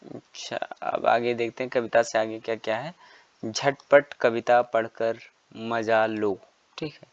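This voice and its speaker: A man teaching a children's textbook lesson, reading slowly and repeating lines with frequent checks to his young pupils. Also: medium pitch, fairly even intonation, no echo. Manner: slow, repetitive reading with frequent filler checks. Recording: dull, lo-fi and dry.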